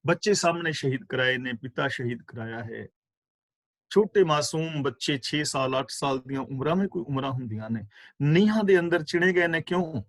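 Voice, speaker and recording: A man giving a scripture class, reciting verses slowly and explaining their pronunciation and meaning, with fervent rhetorical questions. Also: fairly high pitch, lively intonation, a bit bright, no echo. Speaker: katha preacher. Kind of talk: scripture exposition.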